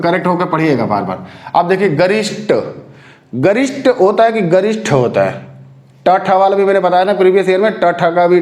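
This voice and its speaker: A male teacher with a fairly high voice leads an exam-prep spelling lesson in an echoey room. He is patient and repetitive, and he keeps checking that his students are following along. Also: a little mellow. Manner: explains patiently, repeats words and asks the class questions.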